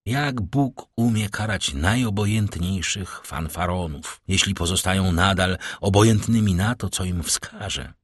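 A man voicing a brooding, commanding count, with slow, hushed and solemn speech. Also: sits low, husky, no room sound, clean studio sound. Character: brooding powerful count, middle-aged man, grave and commanding.

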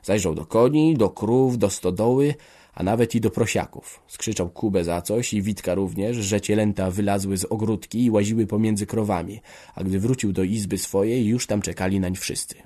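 A man narrating a classic novel aloud in a steady, measured storytelling voice. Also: fairly low pitch.

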